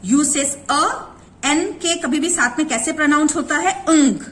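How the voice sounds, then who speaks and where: A woman teacher with an Indian English accent, explaining a lesson to young children in a mix of Hindi and English and sounding out words slowly. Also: sits high. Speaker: school teacher. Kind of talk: recorded classroom lesson.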